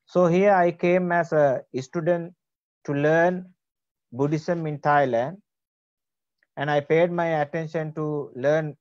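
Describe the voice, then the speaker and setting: A man in his forties from Sri Lanka giving an online lecture in a deliberate manner with many fillers, over a video call from an office. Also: fairly high pitch, steady tone, a little mellow, dry recording. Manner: slow, deliberate, with frequent fillers. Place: office with bookshelves. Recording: dull lo-fi video call audio.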